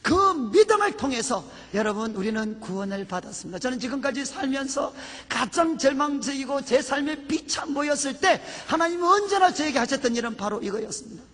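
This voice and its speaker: A man's voice: expressive, a little fast, fairly bright tone. A middle-aged man preaching a testimony sermon, often dropping his voice to quote God. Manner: testimony-style preaching, quoting God's voice in a lowered tone. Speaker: pastor. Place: large church hall at a student retreat. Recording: reverberant hall recording.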